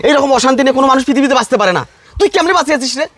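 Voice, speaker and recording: A man's voice: very high voice, rapid-fire, a bit bright, no echo. A man playing a neighbor who breaks up a family fight and lectures everyone. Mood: scolding. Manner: lecturing, admonishing. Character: neighbor man, scolding peacemaker. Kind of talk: melodramatic family drama acting.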